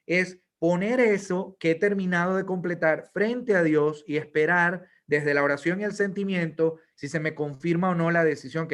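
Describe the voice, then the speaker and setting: A man's voice: on the high side, fairly bright tone. Earnest man explaining Ignatian discernment. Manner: earnest, explanatory, with rhetorical questions. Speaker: lecturer on Ignatian spirituality. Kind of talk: online conference talk.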